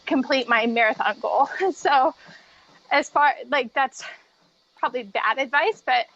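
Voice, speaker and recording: A woman's voice: high-pitched, measured pace, a bit bright. A woman talking casually and chattily as a guest in a podcast interview about her own experience. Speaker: podcast guest, treadmill runner. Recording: dull, muffled lo-fi audio.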